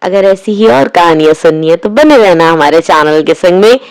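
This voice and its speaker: A woman's voice: fairly low pitch, expressive, moderate pace, no echo. A woman narrating a children's story expressively, addressing her young listeners directly.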